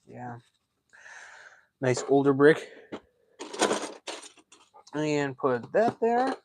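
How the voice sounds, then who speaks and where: A man's voice: fairly high pitch, very animated, drawn-out words, background noise. A man hosting a casual live stream, chatting and thinking aloud as he builds, a self-described yapper. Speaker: livestream host.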